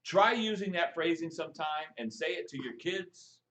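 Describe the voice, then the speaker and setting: A man coaching a live audience on texting for network marketing, lively and jokey, firing questions at the room. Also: a little high, moderate pace, low-quality recording. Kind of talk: live stream training talk to an audience.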